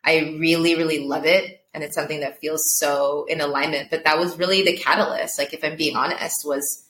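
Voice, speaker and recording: Woman coach, casual and reflective, laughs easily; lowish bright voice, roomy echo. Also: steady tone, fairly quick, slight background noise. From Portugal. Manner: laughs often, reflective, fillers of "like". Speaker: coach, interview guest. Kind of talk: casual conversation.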